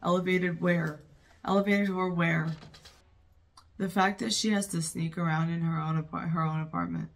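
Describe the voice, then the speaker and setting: A woman hosting a movie reaction, talking casually with loud, excitable outbursts and plenty of swearing. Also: fairly low pitch, moderate pace, gravelly.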